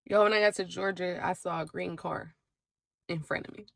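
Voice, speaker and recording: A young woman, chatting to the camera in an emotional, animated way about her move. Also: fairly low pitch, measured pace, gravelly, no echo. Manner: emotional, animated storytelling with laughs. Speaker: vlogger. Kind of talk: casual chat to camera.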